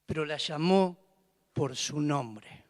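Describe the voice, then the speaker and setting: A man with a high voice preaches a sermon, his clear. He piles up emphatic exclamations and then drops to hushed tones. His voice rings with a long reverb in a church hall. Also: slow pace. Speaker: pastor.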